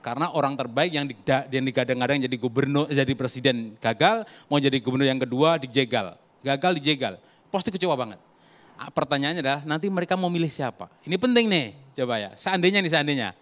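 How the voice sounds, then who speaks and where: Brief: male political pundit, rapid argumentative delivery. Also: mid-range voice. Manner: emphatic, lively argumentative. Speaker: political commentator guest. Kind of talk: talk show political debate.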